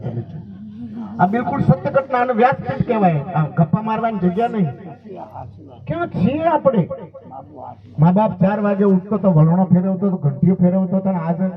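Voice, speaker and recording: Man preaching a sermon. Emphatic, exhorting delivery. Distant mic, tinny phone-like sound. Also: high voice. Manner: emphatic preaching, exhorting listeners to pay attention. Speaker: saint giving a satsang. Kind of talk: sermon with storytelling.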